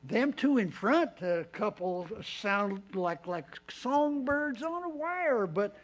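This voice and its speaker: A woman's voice: medium pitch, lively intonation, takes it slowly. A woman voicing a cantankerous old male gold prospector with a folksy drawl and old-timer slang, in comic radio melodrama style. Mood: scornful.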